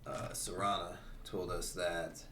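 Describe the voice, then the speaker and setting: A man playing a tabletop game, talking casually in character and pausing mid-sentence. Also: deep voice, little pitch movement, creaky, bright, forceful tone. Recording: distant, echoey, noisy room microphone.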